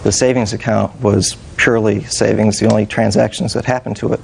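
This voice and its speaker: A man testifies formally as a TV court plaintiff. He speaks fast and evenly in a slightly low, creaky voice, matter-of-fact throughout. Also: flat delivery, a little mellow, a little hiss or hum.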